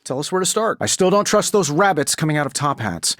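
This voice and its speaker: A cocky American superhero inventor for a video game. His voice sits a little high and swings freely in pitch, recorded close and dry. He tosses out glib, sardonic quips like someone used to being the smartest in the fight. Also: very animated, a bit bright, dry recording. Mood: wry, quippy. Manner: sardonic, glib, fast-witted banter. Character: cocky, wisecracking superhero genius inventor, adult man. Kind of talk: video game voice acting, quippy dialogue.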